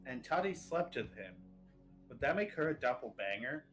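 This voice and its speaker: A man's voice: mid-range voice, big pitch swings, normal speed, fairly bright tone. A man at a tabletop game talks casually, teasing and cracking jokes, with a mid-range voice. Faint music plays underneath. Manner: joking, teasing. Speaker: player.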